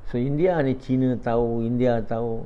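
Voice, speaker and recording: Recorded in dull lo-fi at a house in a residential area, a man delivers a religious lecture after dawn, frequently putting questions to the audience and dropping in short "ha" interjections. His mid-range voice moves at a moderate pace with fairly even intonation.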